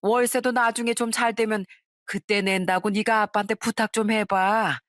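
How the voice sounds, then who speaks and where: Woman putting on a shrill pushy mother-in-law. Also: steady tone, moderate pace, fairly bright tone, no room sound, clean studio sound, close to an everyday voice. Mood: pleading. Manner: demanding, wheedling then shrill.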